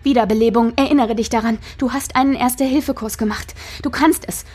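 A woman's voice: a little high, fairly even intonation, fairly quick, darkish tone, breathy edge. A woman voicing a desperate young mother who pleads and urges herself on in a breathless, half-whispered voice. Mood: urgent. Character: desperate young mother fighting for her child.

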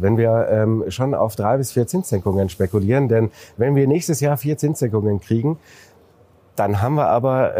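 A man's voice: mid-range voice, dark tone, no echo. A man interviewing a market analyst on a trading floor, asking probing questions and often agreeing briefly. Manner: listens with frequent short agreement, asks probing questions. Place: stock exchange trading floor.

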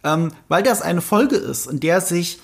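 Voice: mid-range voice, animated, unhurried, gravelly. A podcast co-host with a film background, explaining camera choices in casual chat and teasing with quiz questions. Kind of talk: casual chat about a TV series.

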